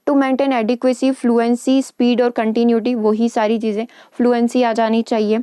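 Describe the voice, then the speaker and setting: Mellow-voiced Hindi-speaking woman teacher. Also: fairly high pitch, flat delivery, smooth, dry recording, studio quality. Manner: explains in Hindi with English terms and quick check-ins; reads English lines slowly and carefully. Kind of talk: lecture on English teaching.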